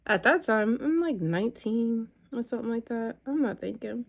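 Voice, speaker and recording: A makeup vlogger in her thirties chats casually while doing her makeup, rambling with plenty of ums. Her voice is a little high and creaky, with lively intonation at a moderate pace.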